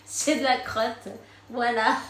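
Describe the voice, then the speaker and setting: A woman's voice: a little high, flat delivery, slow, fairly bright tone, roomy sound, a little hiss or hum. Chatty woman reading cards. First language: Spanish. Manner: chatty, laughs often, lots of fillers. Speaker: tarot card reader. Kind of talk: casual spiritual reading to camera.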